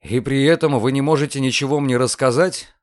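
A man voicing a calm, inquisitive young lawyer in an audiobook, measured and probing. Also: mid-range voice, no echo, studio quality, lightly acted.

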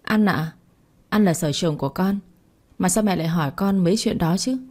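A woman's voice: lowish voice, a little fast, darkish tone, close to an everyday voice. A woman voicing a cheeky young woman gamer who protests defensively to her mother, in a storybook reading. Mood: protesting.

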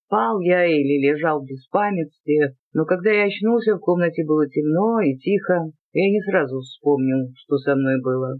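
A man narrating a first-person story in a measured reading voice, on a tinny phone-like recording. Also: on the high side.

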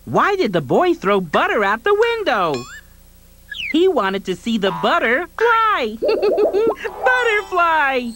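Over background music, a woman voices a kids' channel mascot, a cheerful cartoon face who giggles, jokes and plays with young children. Her voice is on the high side with wildly swooping pitch and a measured pace, and the mood is giggly and playful.

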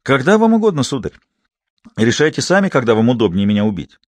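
A man's voice: mid-range voice, big pitch swings, fast talker, dry recording. A man voicing an ironic polite young deputy. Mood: ironic courtesy. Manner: icily courteous, ironic. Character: young male deputy, coolly polite and mocking.

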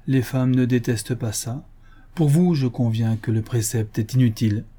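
A man voicing an old male family doctor in a read-aloud novel, who speaks frankly and jokes gently. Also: medium pitch, moderate pace, husky, natural voice. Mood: frank, reassuring.

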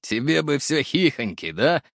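A man reading an audiobook, voicing a gruff bearded army captain and new father who talks low and hushed, choked with emotion. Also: big pitch swings, measured pace, dry recording, clean studio sound, heavily acted. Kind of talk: audiobook character voice.

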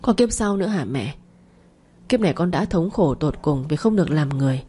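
A woman's voice: low voice, animated, brisk, warm tone, husky. A woman voicing the ghost of a dead baby boy who weeps and accuses his mother. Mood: bitter. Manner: tearful, accusing.

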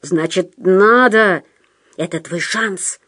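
Woman playing a manipulative male patient, conspiratorial, insistent, slow, breathy. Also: lowish voice, fairly bright tone, no room sound, clean studio sound, full character voice. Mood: scheming.

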